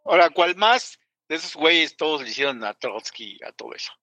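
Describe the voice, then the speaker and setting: A man's voice: on the high side, expressive, fairly quick, sharp tone, dry recording. A man with a Mexican accent co-hosting a podcast, blunt and slangy in casual chat.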